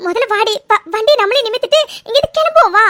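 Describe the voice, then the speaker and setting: A woman voicing a young woman's worried, caring best friend in a cartoon serial, fretting and scolding gently. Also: extremely high pitch, animated, quick pace, dry recording, studio quality, exaggerated voice. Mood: pleading. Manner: fretful, pleading, motherly scolding.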